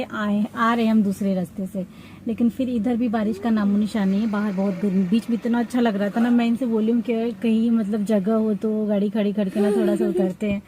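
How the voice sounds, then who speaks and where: A woman's voice: medium pitch, mellow, low-quality recording. A woman with an Indian accent, chatting casually to viewers in a family vlog while feeling unwell, speaking from a car and later a rooftop. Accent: Indian Hindi. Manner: chatty, rambling, addresses viewers directly. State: unwell, low-energy. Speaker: family vlogger. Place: in a car, then on a rooftop outdoors. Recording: faint background noise.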